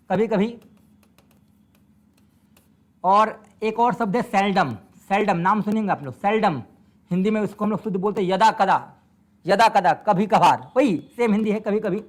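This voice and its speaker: A man with an Indian accent teaching English grammar in a classroom lecture, slowly repeating key words to drill his students. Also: high voice.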